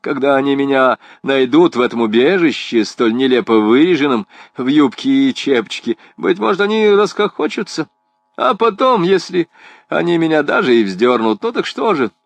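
Brief: man putting on a high, jumpy young poet, philosophizing, lively swoops, dry close mic. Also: dry recording, close to an everyday voice. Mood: musing. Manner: high-pitched, fast-shifting, wry and theatrical. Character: excitable, rambling, philosophizing male poet, young adult. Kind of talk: audiobook character reading.

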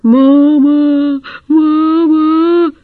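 A tearful, stubborn little girl wails her complaints in a piercingly high voice. The timbre sounds strained and far from the reader's own. The audiobook recording is dull and lo-fi. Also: a little slow. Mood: whining. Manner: shrill, wailing complaints.

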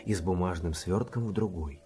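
A man narrating a detective audiobook in an even, measured reading. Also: deep voice, slightly rough. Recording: loud background music.

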